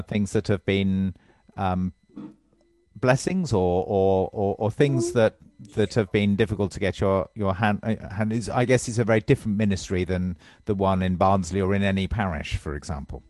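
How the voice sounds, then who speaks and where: A low-voiced man leads an interview and asks his questions haltingly, full of fillers. The sound is dry and close, with no room echo. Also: steady tone, darkish tone. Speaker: interviewer leading prayers.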